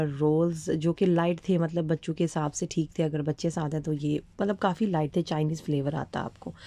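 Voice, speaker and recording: A woman's voice: lowish voice, warm tone, no room sound. A woman in her thirties with a Pakistani Urdu accent, chatting through a vlog voice-over with many fillers and English phrases mixed in. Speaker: vlogger. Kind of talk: casual voice-over narration.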